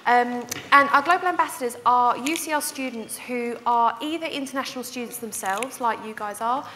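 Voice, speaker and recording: Higher-voiced woman hosting in a big hall. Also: normal speed, pushed and bright, slight background noise. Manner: friendly, with many ums. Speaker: event host. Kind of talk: hosting a panel at a welcome talk. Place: large lecture hall stage. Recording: hall reverb with audience ambience.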